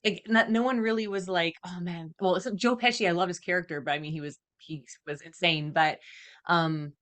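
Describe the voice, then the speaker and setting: A woman's voice: lowish voice, fairly even intonation, brisk, fairly bright tone. A woman hosting a podcast, chatting casually in a rambling way full of fillers. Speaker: podcast host. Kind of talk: casual chat.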